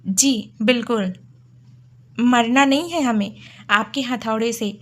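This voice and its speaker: A woman's voice: fairly high pitch, slow pace, fairly bright tone. A woman voicing a young businessman who talks in a playful, teasing way.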